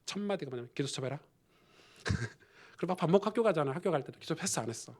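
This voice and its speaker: A male pastor preaching a sermon in a chatty storytelling manner that swings from loud emphasis to hushed near-whispers. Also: a little high, lively intonation, racing.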